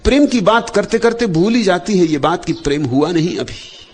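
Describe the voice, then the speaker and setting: A man delivering a meditative spiritual discourse as a teacher, speaking in short, measured phrases with repeated refrains. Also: high voice, expressive.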